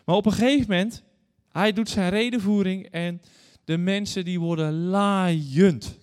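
A man in his thirties or forties delivers an earnest sermon, moving between scripture reading and personal stories. His voice sits a touch higher than most men's. It rings out with a long reverb trail in a large church hall. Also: measured pace, a little mellow. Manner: earnest, storytelling, addresses congregation directly. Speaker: guest preacher.

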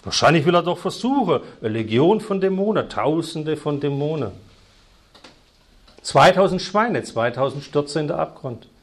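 A man preaching a sermon, emphatic and repetitive, swinging between loud stressed words and hushed asides. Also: a little high, animated, moderate pace.

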